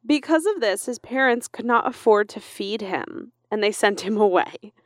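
A woman's voice: medium pitch, animated, normal speed, no room sound, clean studio sound. A young woman co-hosting a podcast, telling a story in casual chat with lots of laughs and fillers. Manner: chatty, laughs often, many fillers. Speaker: podcast co-host.

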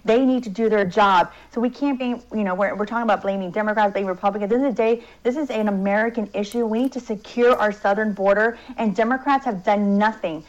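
A woman running for office who answers interview questions in quick bursts. She keeps coming back to the same talking points, and her voice comes over a dull, muffled remote line. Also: medium pitch, steady tone. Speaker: congressional candidate, guest.

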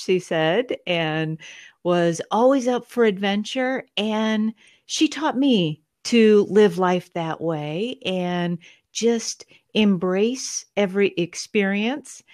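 A middle-aged woman, a guest author, telling stories about her mother in a podcast interview. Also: fairly low pitch.

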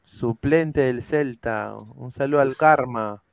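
A man's voice: mid-range voice, slow, vocal fry, a crowd in the background. A man with a Peruvian Spanish accent hosting a casual football talk show, teasing and mocking players and co-hosts. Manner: teasing, mocking, calls people mano. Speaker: sports show host.

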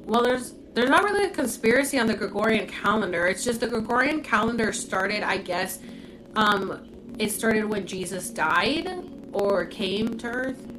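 A livestream host, a young woman from Puerto Rico who was raised in Florida, reads and responds to viewers' comments while talking into her phone. Her medium-pitched voice is expressive at a normal speed, and she speaks bluntly and candidly, swearing freely and filling gaps with "like." The background is noisy.

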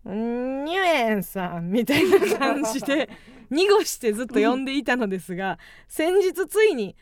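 A woman's voice: sits high, sing-song, moderate pace, crowd noise. A woman with a Kansai accent co-hosting a comedy radio show, reading out listener letters and making blunt, teasing retorts in casual banter.

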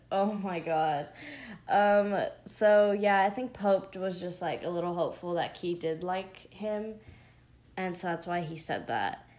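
A young woman chatting casually as she recaps a show, rambling with lots of fillers and gushing asides. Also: medium pitch. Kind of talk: casual chat.

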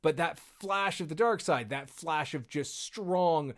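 A man in casual podcast chat, talking animatedly and acting out characters in quick high-pitched bits.

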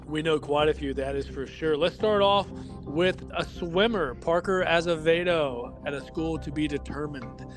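A man's voice: on the high side, normal speed. Upbeat man hosting a sports podcast. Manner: upbeat, announcing names in a list. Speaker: podcast host. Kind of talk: casual sports podcast chat. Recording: music bed under the talk.

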